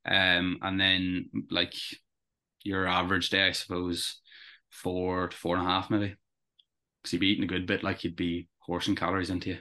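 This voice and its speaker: A man's voice: deep voice, completely flat delivery, moderate pace, pushed and bright. A young man with an Irish accent chatting casually and keenly as a rower being interviewed. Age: young adult. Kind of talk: casual chat.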